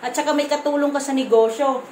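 A woman with a Visayan accent talks to her camera from home in a firm, blunt way, stumbling and restarting her words. Her voice sits high. The room has a marked echo and a faint hum of background noise. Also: steady tone, fast, a little mellow. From Visayas, Philippines. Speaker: vlogger. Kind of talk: casual vlog to camera.

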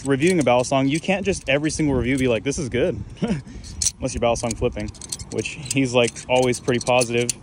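A man's voice: mid-range voice, fast talker. A young man talking casually on camera about his hobby, in a laid-back style full of fillers. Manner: laid-back, filler-heavy, lots of "like" and "you know what I'm saying". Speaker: balisong flipping YouTuber. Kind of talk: casual rambling vlog talk. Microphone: camera mic while flipping on camera. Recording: noisy background, traffic and jangling sounds.

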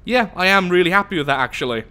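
Here a flu-stuffed young man narrates a space game let's play in a high, animated, fast voice that's bright and forceful. Nasal and chatty, he thinks out loud and keeps making fun of himself.

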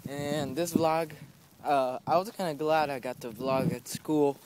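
A teenage boy with a fairly high, darkish voice vlogs casually while walking his dog outside, speaking steadily at a measured pace. He mumbles loosely and swears lightly. The audio is poor, with a little hiss or hum.

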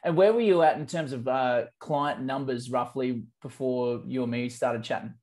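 A man's voice: medium pitch, moderate pace, darkish tone. Upbeat host in his thirties on a video call, earphone mic, casual slang, enthusiastic. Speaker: marketing agency host. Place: office with branded backdrop. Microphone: earphone headset.

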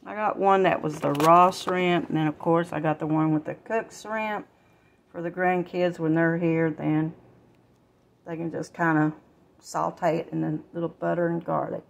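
An older woman vlogger walks viewers through her grocery haul in her kitchen, talking in a homely, relaxed way and calling them y'all. She has a low, creaky voice at a moderate pace, recorded on a phone with slight background noise.

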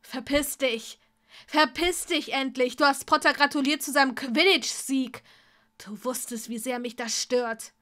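A woman's voice: a little high, steady tone, normal speed, creaky, a bit bright. Bitter young wizard boy, pleading then snapping, storybook reading, a woman reading him. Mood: furious. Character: bitter desperate young male wizard student.

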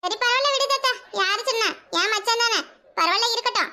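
A woman's voice: very high voice, fast talker, bright, forceful tone, heavily acted. A woman voicing cheeky, quarrelsome young boys in a cartoon, teasing and bickering over a phone. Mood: pleading. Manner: squabbling, teasing banter. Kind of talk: cartoon voice acting.

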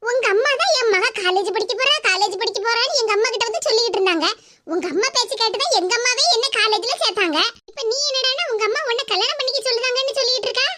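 A woman's voice: very high voice, rapid-fire, very noisy. A woman voicing an apologetic young girl, the friend of a college student, who speaks with a Kanyakumari Tamil accent in a soothing way. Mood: puzzled. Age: young adult. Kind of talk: animated cartoon dialogue.

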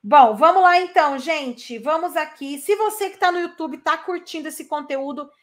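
During a live online English lesson, a woman with a high-sitting voice chats energetically, then says model phrases slowly so her students can repeat them.

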